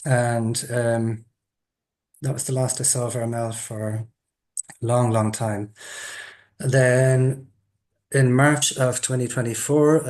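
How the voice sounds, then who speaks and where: A man's voice: mid-range voice, a little mellow. A man hosting an interview, telling a personal story in a chatty way and laughing at himself now and then. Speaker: interviewer, group host. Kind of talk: storytelling introduction.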